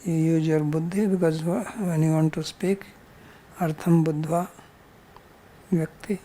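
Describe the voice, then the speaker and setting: Teaching scripture in a patient, didactic style, this Indian-accented man relies on repetition and simple examples. His voice is slightly high and dark in tone, with fairly even intonation. He speaks at a measured pace.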